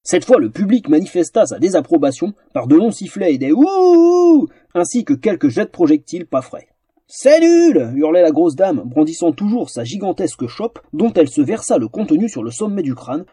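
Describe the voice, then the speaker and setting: A man reads a fantasy tale aloud with theatrical flair. His voice is husky and mellow, and his pitch rides high and moves a lot. The recording is close and dry. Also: a little fast, no echo. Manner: theatrical, animated storytelling. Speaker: narrator. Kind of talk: expressive audiobook narration.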